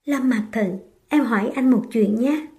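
A woman voicing a gentle young woman, tipsy and tender, speaking softly. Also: sits high, measured pace.

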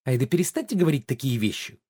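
A saucy, quick-tongued maid who never backs down, read by a man. The voice stays in a plain male register with a lively, bouncing intonation, recorded close and dry. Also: mid-range voice, breathy edge, dry recording. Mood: pert. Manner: pert, teasing, stubbornly contrary. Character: cheeky young female maid, sharp-tongued. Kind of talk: play reading.

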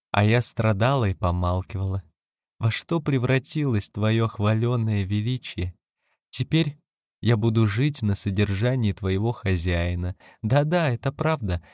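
A man reading an audiobook, voicing a furious, defiant young wife who shouts scornfully and rises into shrill cries. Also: dry recording, studio quality, close to an everyday voice. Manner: shrill, scornful, rising to screams.

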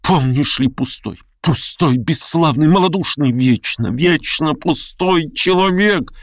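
A man voicing a hot-tempered, imperious older noblewoman who scolds and commands in shrill outbursts. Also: sing-song, measured pace, no echo, clean studio sound. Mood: bitter.

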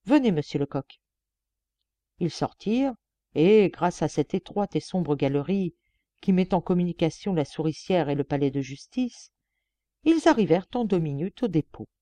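A woman narrating an audiobook in an expressive storytelling manner. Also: lowish voice, moderate pace, no echo. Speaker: audiobook reader.

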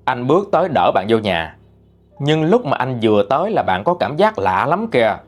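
A man narrating a ghost story in a conversational, expressive way. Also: medium pitch, normal speed, soft background music.

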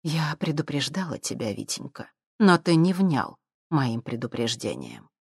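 A woman reading an audiobook, voicing a cold, ruthless mother who speaks calmly and with menace. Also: lowish voice, no echo, studio quality. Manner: calm, cold, measured.

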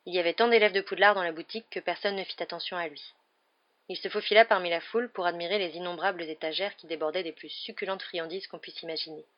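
A woman reading an audiobook in an even, measured storytelling manner, in a dull lo-fi recording. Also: on the low side. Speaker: audiobook reader. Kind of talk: audiobook narration.

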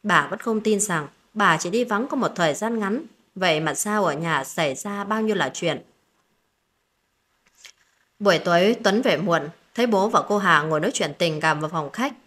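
A woman's voice: fairly low pitch, expressive, moderate pace, fairly bright tone. Woman narrating a family drama story. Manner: dramatic first-person storytelling, voicing all characters. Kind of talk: scripted narration.

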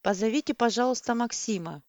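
A woman's voice: mid-range voice, sing-song, measured pace, dry recording, clean studio sound. A woman voicing a distraught young woman who is crying and pleading. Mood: pleading tearful.

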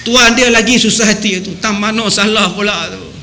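A man preaching a humorous sermon, animated and acting out voices as he goes. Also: sits high, moderate pace, creaky, slight background noise. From Malaysia. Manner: animated, sings song snippets and acts out voices.

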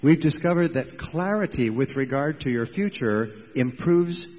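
A man giving a motivational seminar talk, speaking emphatically in short, measured phrases for an interpreter. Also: on the high side, animated, a little mellow, long reverb tail, rough recording.

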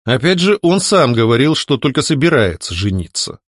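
Man narrating audiobook, lively pitch, higher voice, dry close sound. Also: moderate pace, no echo. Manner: expressive first-person storytelling. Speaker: audiobook reader. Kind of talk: scripted narration.

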